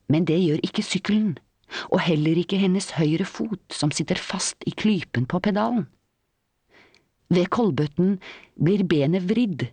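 A narrator reading a story aloud in a measured, dramatic storytelling manner. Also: medium pitch, darkish tone, husky, no room sound. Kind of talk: audiobook narration.

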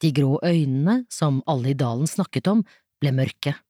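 A storybook narrator reading in a measured, expressive way. The tone is mellow and warm, and the recording is dry and close. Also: medium pitch, no room sound.

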